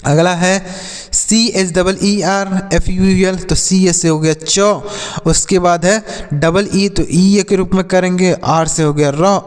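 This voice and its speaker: A male teacher with a fairly high voice leads a spelling and pronunciation lesson. He spells words out letter by letter, asks the class questions and then answers them himself. The recording carries a long reverb tail. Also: smooth. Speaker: English teacher.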